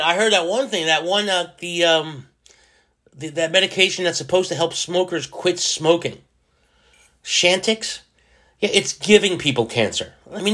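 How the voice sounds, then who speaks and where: Male solo podcast host, forties, slightly high voice, loose rambling jokey delivery that mocks himself. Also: a bit bright. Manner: rambling, self-mocking and jokey.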